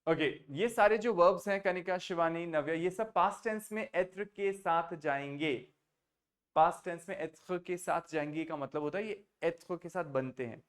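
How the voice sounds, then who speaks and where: A man's voice: fairly high pitch, moderate pace. A male French teacher, patiently explaining verb forms in a mix of Hindi and English and checking often that everyone follows. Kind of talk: online class teaching.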